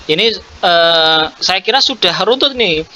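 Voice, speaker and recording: A man's voice: sits high, lively intonation, measured pace, sharp tone. A man, coaching a fellow teacher in a hesitant, encouraging way, with many fillers. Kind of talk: coaching conversation practice.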